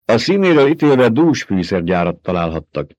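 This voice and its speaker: A male narrator voicing a calm, reserved desert scientist who answers in a matter-of-fact way. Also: lowish voice, dry recording, highs cut off, voice pushed up.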